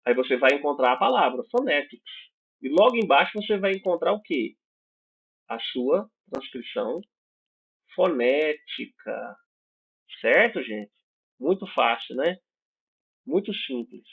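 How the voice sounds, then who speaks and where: A man's voice: mid-range voice, lively intonation, moderate pace, breathy edge. A Brazilian man teaching an online English class, explaining patiently and checking in with his students often. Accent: Brazilian Portuguese. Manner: explanatory, checks in with frequent "certo?" and "né?". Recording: tinny phone-like audio.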